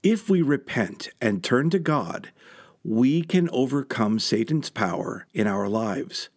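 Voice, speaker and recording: Earnest man teaching with lively pitch. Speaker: scripture study teacher. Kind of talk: scripture lesson commentary.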